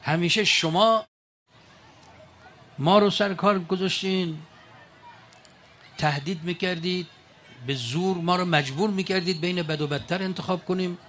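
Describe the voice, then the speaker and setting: Older male speaker, folksy storyteller, pitched high for a man, faint noise behind. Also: fairly even intonation, pauses often, a bit bright. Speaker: speaker addressing an audience. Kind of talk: colloquial storytelling speech.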